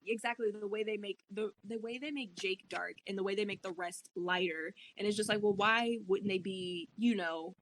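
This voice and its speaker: A woman's voice: medium pitch, normal speed, few pauses, fairly bright tone. A woman talking casually as a convention panelist, exasperated, swearing and laughing.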